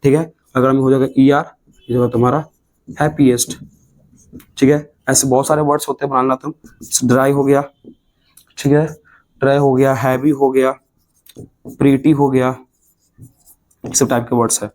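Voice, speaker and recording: Man, Bihari Hindi accent, teacher at a board, repeats points, drawn-out words, mid-pitched voice. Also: level tone, a little mellow. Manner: repetitive, drills points, stretches words syllable by syllable. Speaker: English grammar teacher. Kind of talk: classroom lesson at a board. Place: classroom with a writing board.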